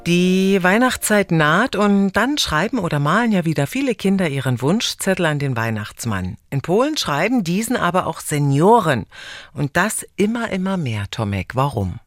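A man hosting a news podcast, leading interviews with brisk, clear moderation. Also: sits high, very animated, no room sound. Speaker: podcast host. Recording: dry studio sound.

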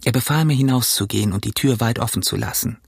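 A man narrates an audiobook with steady, measured storytelling. His voice is mid-pitched and husky, recorded dry and close with no room sound. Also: no echo. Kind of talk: audiobook reading.

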